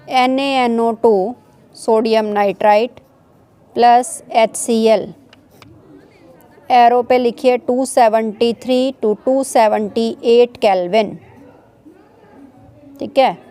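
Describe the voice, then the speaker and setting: धीमे-धीमे notes लिखवाती एक महिला शिक्षिका. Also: female voice, fairly high pitch, dark tone, clean tone. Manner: dictates slowly in English, then explains quickly in Hindi. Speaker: chemistry teacher. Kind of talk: classroom lecture dictating notes.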